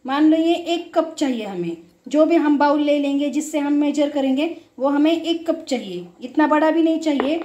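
In her home kitchen, a woman hosts a casual recipe demonstration, explaining each step simply as a home cook. Her voice is high and warm at a normal speed. The room sounds echoey.

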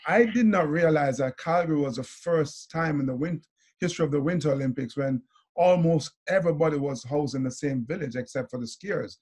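Brief: male host in his fifties, lively on a video call, slightly high voice. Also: brisk, husky. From Jamaica. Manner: animated, laughs often. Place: indoor room before a branded backdrop.

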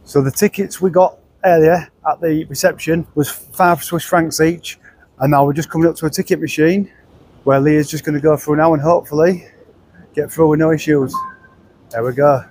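A man narrates a casual travel vlog outdoors at a car park and riverside path, talking chattily into a handheld camera and rambling with restarts. His voice is on the high side, husky and a little mellow, with fairly even intonation and a moderate pace. The recording is rough, with no echo.

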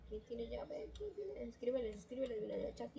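A woman chatting casually while gaming, slangy and excitable. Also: a little high, a little fast, gravelly, husky. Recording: noticeable background noise.

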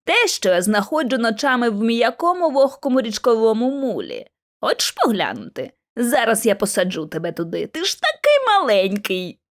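A woman's voice: fairly high pitch, wildly swooping pitch, moderate pace. A woman doing a scruffy teasing scavenger girl. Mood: teasing drawl.

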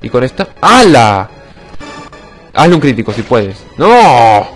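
A young man giving casual let's-play commentary, excitable and swearing, shouting when attacks miss. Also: mid-range voice, takes it slowly, soft background music. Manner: excitable, swears a lot, sudden shouts at misses. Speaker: gaming channel host.

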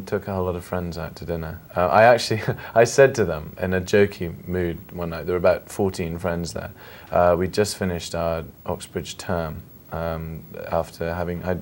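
A young man in his late teens from Scotland with a London accent, a film actor giving polite, earnest, halting answers in an interview. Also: low voice. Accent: London English.

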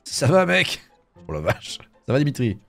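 Joueur français en let's play d'horreur : blagueur, animé, voix aux écarts marqués. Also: male voice, mid-range voice, moderate pace, creaky, faint music behind. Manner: jokey, animated. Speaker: gaming YouTuber. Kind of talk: horror game let's play commentary.

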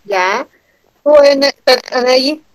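A woman teaching grammar in an online class, animated and asking her students questions often. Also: high-pitched, extremely slow, vocal fry, no room sound, rough recording.

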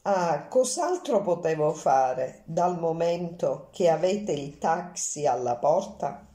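A woman's voice: sits low, lively intonation, takes it slowly, dark tone, reverberant. A woman voicing a cool, elegant Russian countess in an audiobook, speaking lightly and without emotion. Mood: coolly amused. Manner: light, polite, detached.

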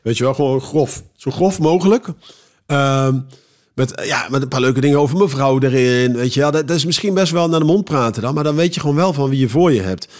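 A man who performs cabaret, telling rambling, animated anecdotes with many restarts in a casual podcast interview. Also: mid-range voice, quick pace.

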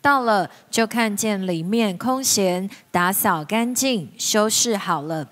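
A woman reads a scripture passage aloud as part of a congregation. She goes slowly and deliberately, at an ordinary middle pitch. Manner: slow, measured reading. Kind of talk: slow scripture reading aloud.

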